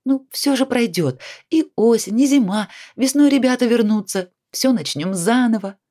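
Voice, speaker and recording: A woman's voice: a little high, animated, moderate pace, warm tone, voice pushed up, close to an everyday voice. A woman reading a storybook voices an adult woman who scolds and then coaxes her friend. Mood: soothing.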